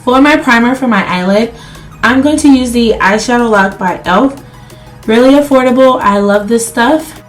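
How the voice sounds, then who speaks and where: A beauty vlogger chats casually with her viewers through a makeup tutorial, addressing them directly in a fairly high voice at normal speed. She's under the weather and losing her voice, so it sounds slightly crackly, with faint music behind her.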